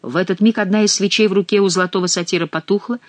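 A woman narrating an audiobook in an expressive storytelling manner. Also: mid-range voice, rapid-fire, dry recording.

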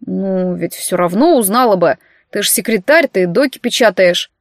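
A woman voicing a teasing young-adult man who talks low, slow and calm in an audiobook story. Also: dry recording, clean studio sound, lightly acted. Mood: sheepish.

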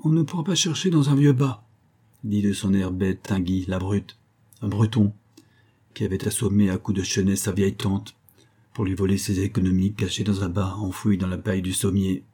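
A man reads a novel aloud in measured, dramatic audiobook narration. His voice is low and dark with a husky grain. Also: level tone. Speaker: audiobook reader.

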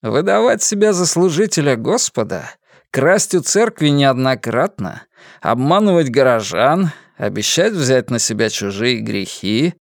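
A man voicing a calm fair-haired inquisitor who speaks in an impassive, measured way. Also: medium pitch, vocal fry, dry recording, clean studio sound. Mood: dispassionate.

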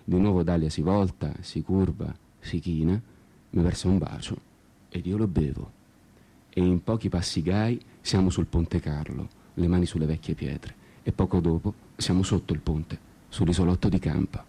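Guitar music accompanies a man's deep, creaky, slightly rough voice with a dark tone as he performs a literary monologue at normal speed. As a radio theatre storyteller, he sounds ironic, brooding and theatrical.

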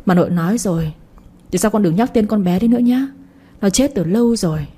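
A woman's voice: mid-range voice, quick pace, mellow, husky, lightly acted. A woman playing a cruel old grandmother. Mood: coaxing. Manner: scornful, cutting. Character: scheming old grandmother, sharp-tongued and cruel.

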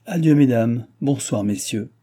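A man voicing an aloof king who speaks in a clear, formal and commanding way. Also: medium pitch, a little slow, dark tone, natural voice.

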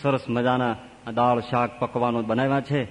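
A man, a swami, telling a story in a sermon, animated and swinging widely between high and low. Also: normal speed. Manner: animated, with wide pitch swings. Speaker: swami giving a religious discourse. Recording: long reverb of a large hall.

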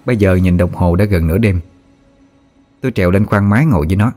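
Deep-voiced man telling a ghost story. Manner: steady, measured telling that turns frantic in quoted outbursts. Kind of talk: first-person ghost story narration. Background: faint music.

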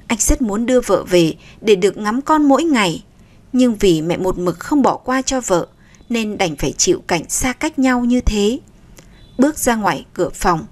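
A woman, narrating a scripted drama story in a steady, descriptive way. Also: mid-range voice.

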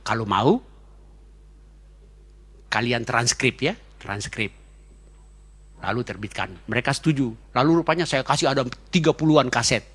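A man preaching a sermon as pastor, fast-talking and joking, chatty with his congregation. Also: mid-range voice, fairly bright tone. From Indonesia.

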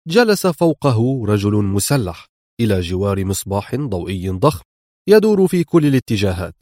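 Low-voiced male audiobook narrator. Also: big pitch swings, normal speed, darkish tone, no echo, studio quality. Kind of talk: audiobook narration of an adventure novel.

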